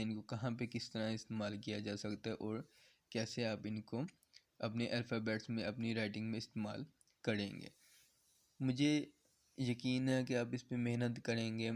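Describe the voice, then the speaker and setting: Slow, flat-voiced male tutor. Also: fairly low pitch. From Pakistan. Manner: patient, repeats "theek hai" to check understanding; encouraging, earnest in closing advice. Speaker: shorthand teacher. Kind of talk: step-by-step tutorial lesson.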